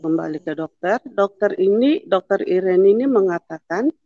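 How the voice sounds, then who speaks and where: A middle-aged woman gives a personal testimony at a medium pitch. She tells her story and acts out what each person said. The recording is dry and close but dull and lo-fi. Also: lively intonation, normal speed, no echo. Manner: storytelling, acting out the dialogue. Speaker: testimony speaker. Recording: dull lo-fi sound.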